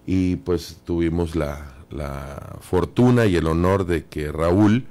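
A man's voice: low-pitched, slow, warm tone. A man, a dubbing studio director, speaking earnestly in a radio interview with many fillers. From Sonora, Mexico.

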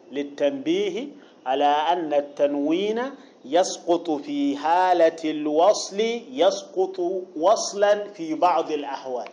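A man teaching a grammar text, explaining deliberately, repeating key phrases and asking the listener questions. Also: a little high, darkish tone. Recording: dull lo-fi recording.

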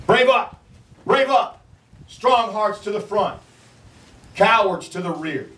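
A man acting out a war chief rallying his warriors with loud battle cries, outdoors. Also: high voice, slow. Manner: loud rousing battle cry. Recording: echoey, distant from mic, faint noise.

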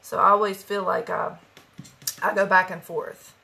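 Country-accented lady doing her makeup live, chatty, reads off viewer names, bright voice. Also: mid-range voice, normal speed, gravelly. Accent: Appalachian country. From West Virginia. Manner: chatty, greets viewers by name, animated. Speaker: makeup live-stream host. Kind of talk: casual live-stream chat while doing makeup.

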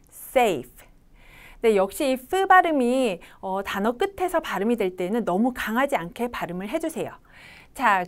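A woman with a Korean accent teaching children English pronunciation, slowly coaching them to repeat each sound. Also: a little high. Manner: slow, lively, coaching kids to repeat sounds.

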